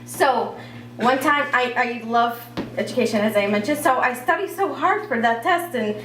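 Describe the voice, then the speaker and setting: A young woman, a native Arabic speaker who grew up in Iraq, telling her own story on a cafe stage, talkative and halting with lots of fillers. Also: a little high, animated, fairly bright tone. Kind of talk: live personal storytelling. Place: cafe stage at a live event. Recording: roomy cafe, speaker far from mic.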